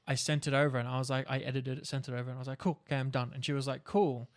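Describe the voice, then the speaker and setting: A man's voice: mid-range voice, little pitch movement, very fast. A young man hosting a podcast, telling stories in a rambling, casual way, swearing freely. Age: young adult. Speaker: podcast host. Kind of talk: casual chat.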